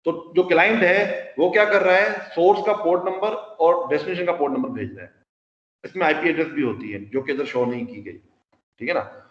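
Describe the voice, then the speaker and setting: A man's voice: on the high side, brisk. A man teaching a lecture, explaining step by step with rhetorical questions and English technical terms. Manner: mixes English technical terms into his speech. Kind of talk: classroom lecture. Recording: roomy hall sound, dull lo-fi audio.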